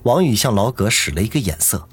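Husky male storyteller, lively delivery, audiobook narration. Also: fairly low pitch, fast. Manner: dramatic storytelling. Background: faint music.

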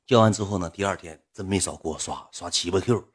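A man's voice: deep voice, fast talker, breathy edge. A livestreamer man telling a rambling personal story in blunt, earthy slang. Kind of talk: casual storytelling.

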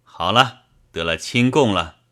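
A man's voice: fairly low pitch, expressive, unhurried, pushed and bright. A man voicing a stern, upright middle-aged official who speaks curtly and commands. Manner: curt and commanding.

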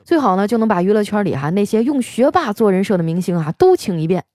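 A woman's voice: mid-range voice, fast, no room sound, studio quality. Wry young woman telling comic stories. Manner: wry, deadpan punchlines with playful quoted voices. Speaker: radio host. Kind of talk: comic storytelling monologue.

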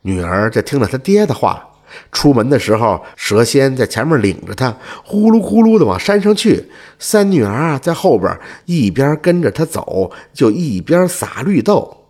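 A man telling a folk tale in a lively, animated way. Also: mid-range voice, normal speed. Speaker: storyteller.

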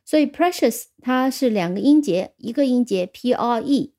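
A woman teaching English words in a recorded lesson, explaining patiently and spelling words slowly letter by letter on English. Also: a little high, expressive, mellow.

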